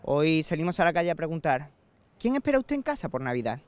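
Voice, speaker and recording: A man, reporting and asking passers-by questions in a lively, upbeat way. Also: a little high, fast. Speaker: street reporter. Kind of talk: news voice-over and street interviews.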